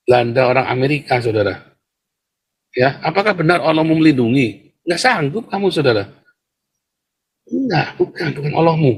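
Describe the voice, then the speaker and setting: A man holds forth on a livestream, needling his viewers with provocative, scornful talk and turning to them again and again. His voice sits at an ordinary middle pitch, and his tone stays mocking throughout. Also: fairly bright tone, breathy edge. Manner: mocking, provocative, keeps addressing viewers directly; laughs scornfully. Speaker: livestream host. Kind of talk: livestream commentary.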